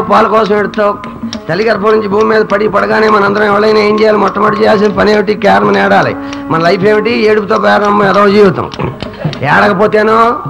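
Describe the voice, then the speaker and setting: Man, Coastal Andhra Telugu accent, satirical harikatha, theatrical, fry in the voice. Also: high voice, rough recording. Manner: humorous, theatrical, slips into characters and song. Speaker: harikatha performer. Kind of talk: satirical harikatha storytelling with sung verses.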